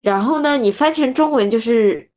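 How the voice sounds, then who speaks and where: A woman chatting casually on a book podcast, lively and quick to laugh while giving examples. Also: a little high, dull audio. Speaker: podcast co-host; former translation student. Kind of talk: casual book-club chat.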